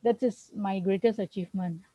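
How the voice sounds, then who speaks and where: A woman's voice: medium pitch, fairly even intonation, fairly quick, dark tone, dry recording, poor audio. A middle-aged woman from Singapore answering interview questions earnestly over a video call, with fillers and restarts. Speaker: guest, accountant. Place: at home, remote.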